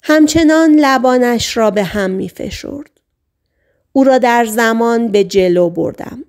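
Gravelly-voiced woman narrating an audiobook. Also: on the high side, expressive, darkish tone.

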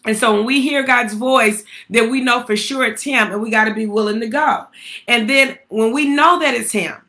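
A woman's voice: fairly high pitch, normal speed, bright, forceful tone. A woman preaching a livestreamed morning sermon, calling on listeners and repeating phrases for emphasis. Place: livestream to online viewers.

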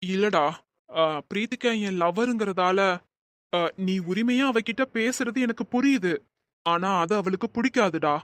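A woman voicing a protective young man in an animated cartoon, speaking in a firm, warning tone. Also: medium pitch, a little slow, dry recording, natural voice.

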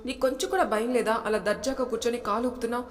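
A woman voicing a shy but quick-tempered young woman in a storybook tale, flustered and scolding, with a long hall reverb. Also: fairly high pitch, fairly even intonation, close to an everyday voice.

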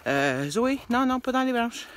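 A woman's voice: on the high side, big pitch swings, unhurried, a little hiss or hum. A middle-aged woman with a Quebec French accent, chatting casually to her phone while hiking a snowy trail outdoors. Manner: chatty, rambling, laughs often. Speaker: hiking vlogger. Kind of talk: casual vlog chat. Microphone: phone at arm's length.

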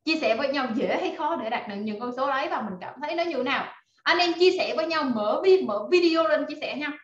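A woman leads a live online class, energetic and full of fillers as she rallies her students. Her voice sits fairly high, and the call audio is roomy and dull. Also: quick pace. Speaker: online course instructor.

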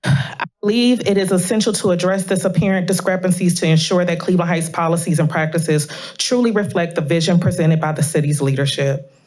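A woman's voice: on the low side, fairly even intonation, fairly quick, a little mellow. A woman in her thirties reading a prepared statement at a city council meeting, speaking earnestly and emotionally, at a podium microphone in a large chamber. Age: 30s. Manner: earnest, pleading, emotionally charged. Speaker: public commenter at city council. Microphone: podium gooseneck microphone.

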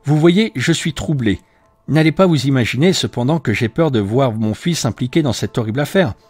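A man's voice: medium pitch, animated, a little fast, darkish tone, husky, no room sound, soft background music. A man voicing an anxious middle-aged widowed landlady who speaks in a troubled, pleading way.

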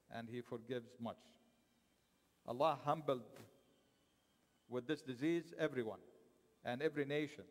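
Man reading a sermon in a reverberant mosque. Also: medium pitch. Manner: reads aloud from paper, with restarts and self-corrections. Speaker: sermon translator. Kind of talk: reading a translated Friday sermon. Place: large mosque prayer hall, indoors. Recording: long hall reverb in a mosque.

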